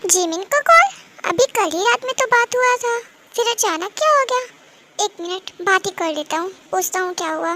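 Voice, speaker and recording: A woman's voice: very high voice, lively intonation, normal speed, pushed and bright, soft background music, full character voice. A woman voicing an anxious, sensitive young son who pleads and frets in a fan-dub audio drama. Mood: worried. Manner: pleading, worried, fretful questioning.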